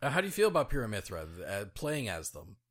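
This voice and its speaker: A man's voice: medium pitch, wildly swooping pitch, fast, a bit bright. A man co-hosting a casual podcast, talking in a rambling way with many fillers and restarts, and laughing easily. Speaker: podcast co-host.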